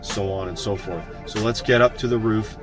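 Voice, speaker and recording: A man's voice: lowish voice, normal speed, over music. A man in his thirties, an HVAC technician, talking casually and plainly as he walks viewers through a tool demo step by step.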